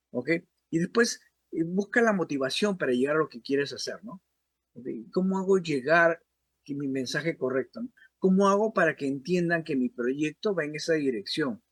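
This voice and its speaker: A man's voice: on the high side, slightly rough, no echo. A man giving a casual spoken talk on emotional intelligence, with a conversational manner and frequent check-ins with the listener. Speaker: host, emotional intelligence speaker.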